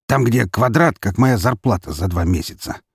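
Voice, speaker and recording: A man's voice: on the low side, lively intonation, normal speed, slightly rough, no echo, clean studio sound, pitched above the performer's own voice, heavily acted. Man doing brash crude investigator Valera. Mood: boisterous. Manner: boisterous, crude, teasing. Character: brash loud-mouthed male police investigator, crude joker.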